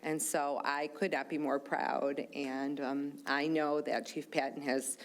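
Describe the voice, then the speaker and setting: A woman with a notably low-pitched voice gives a public tribute. She speaks informally as a local official congratulating a colleague. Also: little pitch movement, a little slow, rough recording. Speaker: township official giving congratulatory remarks.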